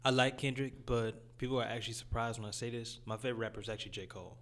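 A young man from Detroit with a raspy voice, talking about his music in a laid-back, casual interview. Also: mid-range voice, fairly even intonation, racing, fairly bright tone. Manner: laid-back, loose phrasing with fillers. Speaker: guest rapper.

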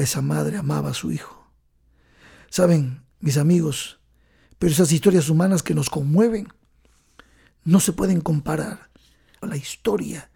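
A male preacher giving an emotional sermon, telling stories and slowing down for emphasis. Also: a little high, vocal fry, warm tone, slightly rough. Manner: emotional storytelling, slows for emphasis.

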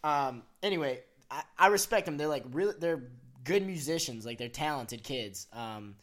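A man's voice: fairly high pitch, animated, normal speed, a bit bright. A young man co-hosting a podcast, speaking hesitantly with many restarts. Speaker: podcast co-host. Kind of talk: casual chat.

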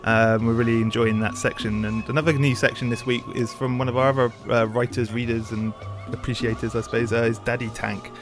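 A man hosts a podcast, talking fast and rambling with plenty of ums and uhs. Music plays clearly beneath his voice. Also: mid-range voice, little pitch movement. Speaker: podcast host. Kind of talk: casual show intro and interview.

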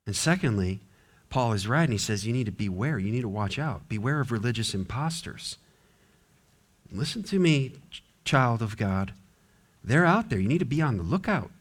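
Male pastor, sermon delivery, emphatic, wide swings in loudness and pitch, mid-range voice. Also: breathy edge. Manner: emphatic preaching, voice rising and dropping sharply. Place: church sanctuary.

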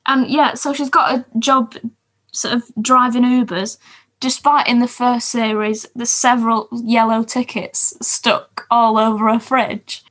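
A woman's voice: a little high, level tone, measured pace, a bit bright. A woman co-hosting a podcast, chatting enthusiastically about TV shows with lots of fillers. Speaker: podcast co-host. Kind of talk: casual chat about TV shows.

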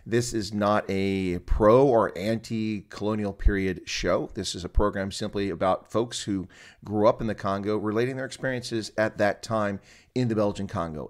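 A man hosting a casual live stream, chatty, fast and full of fillers and restarts. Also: lowish voice.

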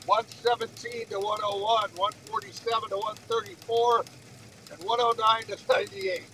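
High-voiced middle-aged man joking around. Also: level tone, moderate pace, sharp tone, a little hiss or hum, low-quality recording. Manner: joking, playful, with hesitant restarts. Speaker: podcast co-host. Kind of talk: casual chat.

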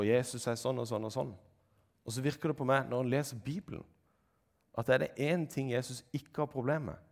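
A man's voice: gravelly, darkish tone. A man preaching a sermon, reading Bible passages aloud and acting out the voices in them. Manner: reads scripture aloud, acting out voices with raised pitch.

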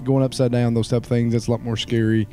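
A man's voice: medium pitch, level tone, fast talker, warm tone, soft background music. A man talking casually on a podcast, rambling and hesitating as he gives his opinion. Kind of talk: casual chat.

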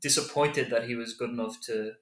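Man, casual podcast banter, teasing, flat delivery, echoey room. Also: medium pitch, brisk. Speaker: podcast co-host. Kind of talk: casual chat.

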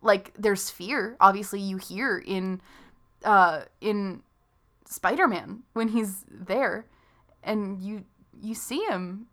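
A woman's voice: medium pitch, slow pace, bright, forceful tone. A young woman in her late teens chatting casually and eagerly, laughing often. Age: young adult. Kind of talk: casual podcast chat.

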